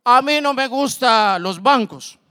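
A man voicing a humble, calm old country man who talks gently and fatherly. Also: very high voice, a little slow, smooth, voice pushed up, heavily acted. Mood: kindly.

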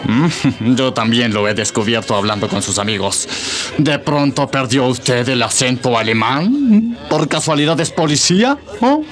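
A man's voice: mid-range voice, animated, measured pace, faint music behind, lightly acted. An actor playing a menacing, fanatical terrorist gunman in a radio drama, sneering and boastful. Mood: mocking, suspicious. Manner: sneering, threatening, with mocking chuckles.

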